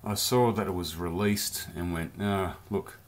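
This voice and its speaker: A man's voice: sits low, normal speed, a little hiss or hum. A man casually reviewing a collectible toy in a rambling, chatty vlog from his home beer cellar. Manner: chatty, rambling, loose slang.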